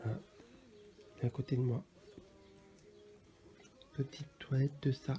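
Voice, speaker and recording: A man's voice: mid-range voice, little pitch movement, slow, mellow. A man chatting casually in a vlog while learning Portuguese, playful and jokingly boastful, repeating foreign phrases as he tries them out.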